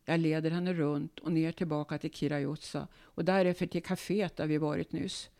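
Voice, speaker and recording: A woman, a guest author, reading her own memoir aloud in a calm, measured way. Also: low voice.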